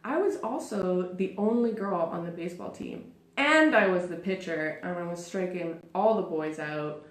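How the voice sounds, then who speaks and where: A woman's voice: on the low side, normal speed. A woman in her thirties hosting a live talk show, telling her own story in a theatrical, chatty, self-mocking way. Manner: chatty, with frequent "like" and "super". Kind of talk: live personal monologue. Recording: roomy echo.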